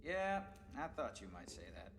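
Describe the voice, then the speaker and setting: A man's voice: medium pitch, sing-song, normal speed, fairly bright tone. An actor playing a menacing, corrupt male prison guard, contemptuous and threatening, in a dramatic video game. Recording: echoey, very noisy room ambience.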